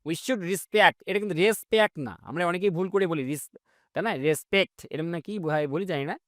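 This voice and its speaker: A man with a Bengali accent teaching English reading, slowly drawing out model sentences between quick explanations. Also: on the high side, dry recording, clean studio sound.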